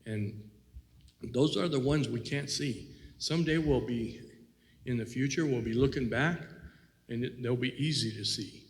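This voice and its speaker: A man's voice: mid-range voice, a little slow, big-room sound. A man co-hosting a casual faith talk, reflective and rambling, with many "you know"s. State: has the hiccups. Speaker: co-host.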